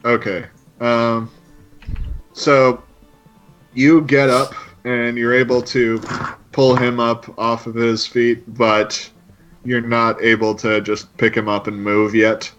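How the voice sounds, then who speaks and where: A man's voice: medium pitch, flat delivery, slow pace, a bit bright. A man narrating a tabletop game as game master, laying out each scene step by step in an easygoing way. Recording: dull lo-fi stream audio with faint music.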